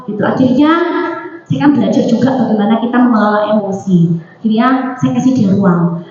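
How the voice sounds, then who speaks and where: A woman's voice: fairly high pitch, brisk, mellow. A middle-aged woman giving a motivational talk to an audience, telling stories and acting out the dialogue. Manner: storytelling that acts out quoted dialogue. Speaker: speaker addressing an audience. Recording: echoey hall, dull lo-fi sound.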